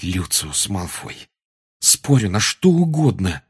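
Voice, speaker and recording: A man's voice: medium pitch, sing-song, moderate pace, darkish tone, slightly rough, pitched above the performer's own voice. Man voicing a tense earnest schoolboy wizard.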